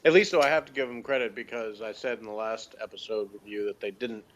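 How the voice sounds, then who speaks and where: On a dull, lo-fi recording, a man with a lowish voice speaks fast in a casual review chat. He gives his opinions informally and hesitantly, often interrupting himself.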